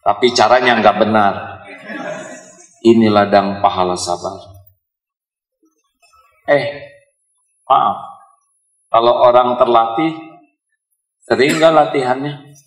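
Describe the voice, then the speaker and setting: A man's voice: mid-range voice, fairly even intonation, slow pace, long pauses, soft background music. A middle-aged man preaching to a live audience, mixing heartfelt prayer with teasing jokes and acted-out exchanges. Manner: humorous, teasing the audience, acting out prayers and quarrels. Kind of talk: sermon. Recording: echoey hall.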